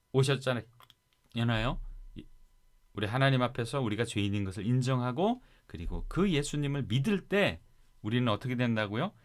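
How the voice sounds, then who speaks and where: A man with a Korean accent teaching English Bible verses in a lively classroom style, coaxing listeners to repeat after him. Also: medium pitch.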